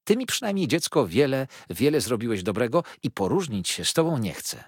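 A stern but kindly old aunt, voiced by a male reader, measured and gently firm as she counsels her nephew. The voice is husky with a dry, close sound, and its pitch moves a lot, as in a read-aloud storybook. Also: sing-song, no echo. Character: older aunt, stern yet kindly, eccentric. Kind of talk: audiobook character voice.

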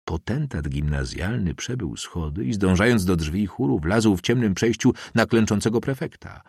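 Niski, zachrypnięty lektor audiobooka. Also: male voice, on the low side, creaky, breathy edge, dry recording, clean studio sound. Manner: measured, expressive reading. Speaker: audiobook narrator. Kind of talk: scripted literary narration.

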